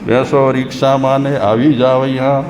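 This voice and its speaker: A man's voice: mid-range voice, little pitch movement, normal speed, music in the background. A man, a Jain monk, giving a sermon in a conversational, humorous way and chanting verses in between. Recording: echoey hall with faint noise.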